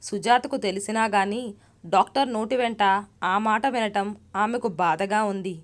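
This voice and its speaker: Woman storyteller, read-aloud narration, steady and expressive. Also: medium pitch, unhurried.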